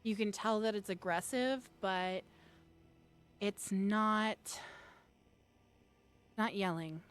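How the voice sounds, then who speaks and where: Woman game master, measured and slow, narrates scenes and calls for dice rolls. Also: medium pitch, clear, resonant tone. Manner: unhurried, descriptive storytelling.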